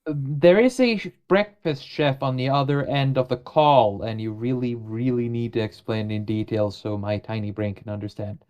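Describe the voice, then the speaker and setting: A man's voice: medium pitch, fairly even intonation, moderate pace, few pauses, darkish tone, clear, resonant tone. A man co-hosting a podcast over a remote call, teasing the others and making fun of himself. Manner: teasing, self-mocking. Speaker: podcast co-host. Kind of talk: casual chat.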